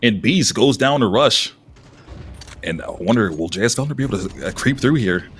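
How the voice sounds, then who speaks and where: A man doing live esports commentary as a caster, lively and husky, with casual asides. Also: lowish voice, moderate pace, a little hiss or hum. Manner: animated esports caster delivery. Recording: music behind the voice. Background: music.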